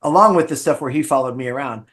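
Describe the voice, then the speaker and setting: A man's voice: medium pitch, fast, fairly bright tone. A middle-aged man, a guest on an interview show, telling long family anecdotes in a casual, rambling way with frequent restarts. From Bahamas-born, raised in South Florida. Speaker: podcast guest, ER physician.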